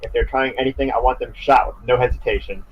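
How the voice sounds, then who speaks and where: A man reading the lines of a cold, commanding male gunman speaking over a school loudspeaker. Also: medium pitch, fairly even intonation, fast talker, muffled recording, lightly acted. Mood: menacing.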